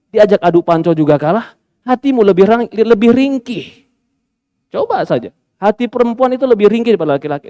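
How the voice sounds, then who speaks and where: A male Islamic preacher giving a sermon, asking rhetorical questions and moving between emphatic peaks and quiet asides. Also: high-pitched, no room sound, studio quality.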